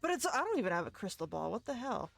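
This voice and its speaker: A woman's voice: a little high, sing-song, quick pace, vocal fry, soft background music. A woman voicing a panicky, laid-back male surfer-type fortune teller with a drawling, whiny delivery. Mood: baffled. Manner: drawling, frantic Shaggy-like whine.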